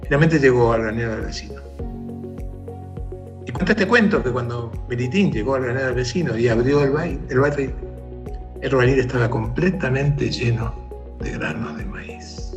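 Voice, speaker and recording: Over music, a medium-pitched man speaking at normal speed tells a story as an interview guest. He animatedly performs the characters' shouted calls as he goes.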